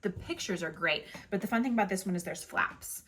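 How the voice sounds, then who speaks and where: A woman's voice: mid-range voice, lively intonation, brisk, fairly bright tone, a little hiss or hum. A woman chatting casually and enthusiastically about favorite picture books, with lots of fillers and restarts. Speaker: book reviewer. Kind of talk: casual book recommendations.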